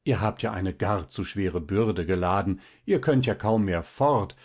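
A man voicing a kindly, doting older village pastor who speaks in an earnest, unhurried way. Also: deep voice, husky, full character voice.

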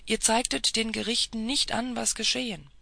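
A reader voicing an elderly noblewoman who exclaims in a raised, gravelly voice. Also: medium pitch, steady tone, moderate pace, pushed and bright, no room sound. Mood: astonished. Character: elderly noblewoman, anxious and fervent.

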